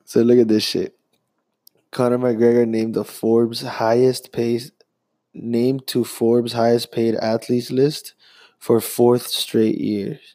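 A young man rambling through a profane, casual sports rant as a vlogger, jumping between fast bursts and drawn-out phrases. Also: medium pitch, level tone, mellow, dry recording.

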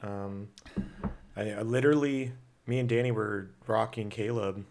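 Casual male podcast co-host, lower voice, loose and rambling. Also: fairly even intonation, a little slow, gravelly, darkish tone, slight background noise. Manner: rambling, eating while talking. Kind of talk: casual chat.

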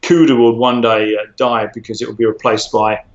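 A man talks through his answers in a measured, explanatory way, pausing often on ums and restarting phrases. His voice sits at a middling pitch. The recording sounds roomy and a bit dull. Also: little pitch movement. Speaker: interview guest, former tech executive. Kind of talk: conversational interview.

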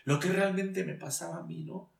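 Recorded from a distance in an echoey room with slight background noise, this man shares an emotional testimony of faith. His voice is high-pitched, creaky, and steady in tone at a moderate pace, and he speaks earnestly and searchingly, frequently starting sentences over.

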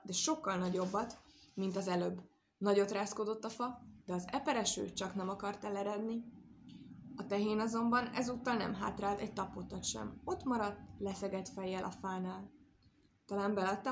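A woman reading a children's story aloud in a lively, expressive way. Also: mid-range voice, a little hiss or hum. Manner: lively, expressive read-aloud with sound words.

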